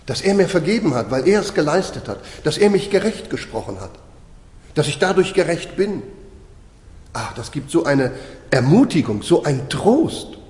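A man preaching a sermon with emphasis, slowing down to stress points and putting rhetorical questions to his listeners. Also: fairly high pitch, a little mellow. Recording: echoey hall with long reverb.

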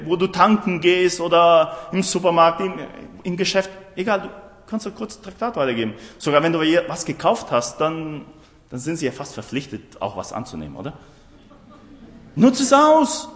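A man's voice: a little high, fairly bright tone. A man preaching a sermon emphatically, often putting rhetorical questions to his listeners. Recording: roomy hall with long reverb.

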